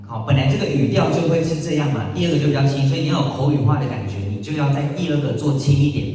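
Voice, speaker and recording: A man's voice: on the high side, very fast, mellow, recorded from a distance. A man teaching a song step by step, coaxing students and singing short phrases to demonstrate. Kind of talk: step-by-step vocal lesson with sung demonstrations. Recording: echoey room, voice from afar.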